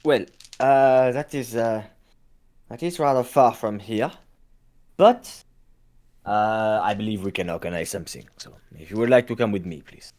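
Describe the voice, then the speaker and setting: A formal, stiff town official in a tabletop game , as a man puts him on, polite and a little halting. His voice sits low and keeps an even courtesy. He offers help with careful, hesitant words. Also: natural voice.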